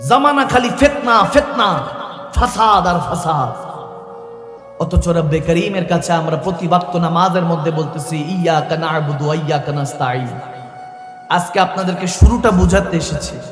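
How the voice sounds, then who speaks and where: A man preaching a rousing sermon to a large gathering, often shouting to the crowd over a PA system. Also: high-pitched, normal speed. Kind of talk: Islamic sermon at a religious gathering. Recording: echoey hall-like reverb over a PA, faint music.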